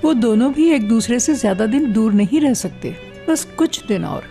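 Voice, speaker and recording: An actress dubbing a gentle, cautious older woman in a TV drama, speaking softly and measured. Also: fairly high pitch, animated, soft background music. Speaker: dubbing actor. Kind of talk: Urdu-dubbed TV drama.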